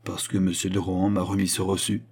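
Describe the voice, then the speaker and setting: Scheming noblewoman, feigning innocence, voiced by a man with a dark tone. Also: sits low, completely flat delivery, a little fast, breathy edge. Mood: feigned meekness. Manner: guarded, falsely meek. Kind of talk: audiobook reading.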